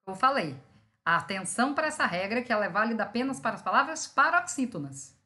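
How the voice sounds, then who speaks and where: A woman teacher giving a recorded grammar lesson, explaining step by step, checking in with her students and sounding out syllables slowly for emphasis. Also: fairly high pitch, very animated, sharp tone.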